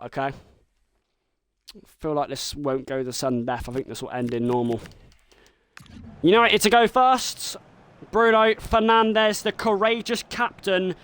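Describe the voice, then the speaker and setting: A man streaming a football video game live, calling the action like a commentator and shouting at the big moments. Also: sits high. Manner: mimics a football commentator and a team manager.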